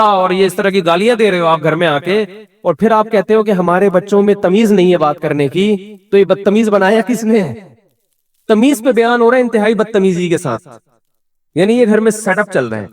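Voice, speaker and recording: Animated middle-aged man giving a religious talk. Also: sits high. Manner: animated, humorous, asks the audience questions; acts out quoted voices within the talk. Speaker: Islamic scholar giving a talk. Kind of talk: conversational religious lecture.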